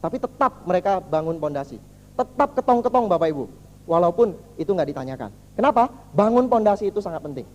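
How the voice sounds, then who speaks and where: A man speaking as a motivational business speaker, telling an animated story to his audience and acting out the characters. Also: sits high, quick pace, long reverb tail. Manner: animated, addresses audience as Bapak Ibu, acts out characters.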